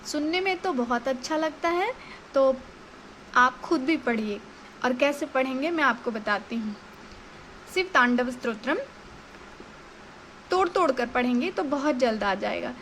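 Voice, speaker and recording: A woman's voice: high-pitched, lively intonation, unhurried, long pauses, fairly bright tone, a little hiss or hum. A woman teaching devotional Sanskrit recitation, explaining and chanting syllable by syllable. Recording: music playing behind.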